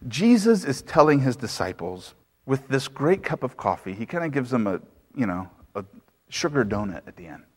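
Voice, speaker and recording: A man's voice: medium pitch, very animated, moderate pace, darkish tone. A man preaching a sermon as pastor, emphatic and full of rhetorical questions. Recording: long hall reverb.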